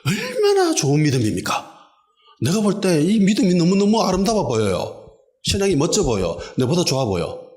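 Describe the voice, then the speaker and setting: A pastor delivers an expository sermon. He is emphatic and animated, with a lively, swinging pitch, and repeats key lines to drive them home. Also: a little fast. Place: church in a basement hall.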